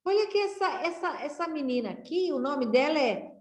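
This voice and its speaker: A Brazilian woman teacher giving a children's literacy lesson, reading aloud slowly in a sing-song way with rising exclamations. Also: sits high, lively intonation, echoey room. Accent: Brazilian Portuguese.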